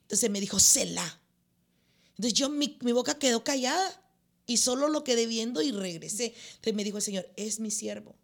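A woman pastor and prophet, telling her story in a lively way and acting out dialogue in a faith talk. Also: a little high, fairly quick.

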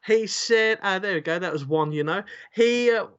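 A man's voice: sits high, normal speed, a bit bright, smooth. Rambling podcast host man, lo-fi sound. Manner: rambling, filler-heavy, joking. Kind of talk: casual podcast chat.

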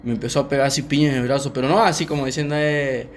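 A young man with a Rioplatense Spanish accent, calmly telling a personal story on a podcast, with many fillers. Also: mid-range voice, slight background noise. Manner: calm, unhurried, many fillers. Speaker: podcast co-host. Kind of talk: casual storytelling chat.

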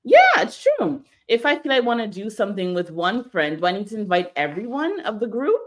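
A woman co-hosting a podcast, talking casually and candidly in quick bursts. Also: medium pitch, big pitch swings. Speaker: podcast co-host.

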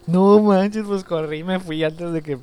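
A young man with a Mexican Spanish accent, telling a story in an animated, slangy way during a casual podcast chat. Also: sits high, unhurried, clear, resonant tone.

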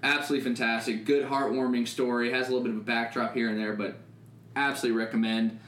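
A man's voice: medium pitch, flat delivery, fast, fairly bright tone, roomy sound. A man co-hosting a podcast, chatting casually and loosely, swearing freely and saying "like" a lot. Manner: laid-back, swears freely, lots of "like". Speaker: podcast co-host. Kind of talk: casual chat.

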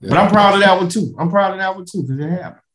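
A man's voice: high-pitched, quick pace, a bit bright, reverberant. A man chatting casually in street slang, circling back over his words and often adding bro, man and you know. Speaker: comedian, podcast guest.

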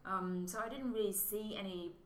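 A Vietnamese MBA student is a guest giving casual interview answers, her voice medium in pitch and moderate in pace. Thoughtful, she restarts often and her English phrasing is non-native. The echoey room carries faint noise.

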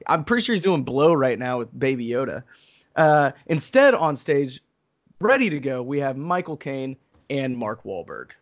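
A man's voice: mid-range voice, big pitch swings, moderate pace. A man hosting a podcast as a mock awards emcee, presenting in a casual, joking way.

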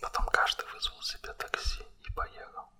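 A man speaking an ASMR monologue straight to the listener in a breathy, unvoiced whisper, right in the ear and close to the mic, with blunt wording. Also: moderate pace, bright, forceful tone. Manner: blunt, coarse language.

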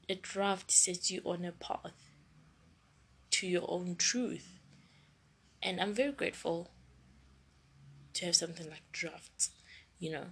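A young woman hosts a solo podcast in a fairly low, fairly bright, slightly rough voice. She rambles, often restarting and correcting herself mid-sentence.

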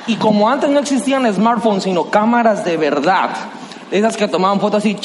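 A male pastor, telling a personal story in a sermon and acting out the scenes with shouts and quoted voices. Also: sits high, brisk. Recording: echoey hall, slight noise.

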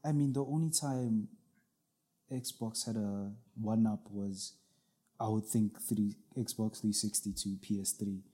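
A man's voice: lowish voice, steady tone, slow, mellow, husky. A South African man co-hosting a podcast, chatting casually and rambling with restarts. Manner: rambling, restarts with filler words. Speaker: podcast co-host.

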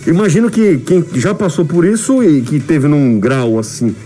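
A man's voice: fairly high pitch, animated, normal speed, dark tone. A man hosting casual sports radio talk, his voice muffled because he speaks through a face mask. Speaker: sports radio show host. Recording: studio mic muffled by mask, music bed.

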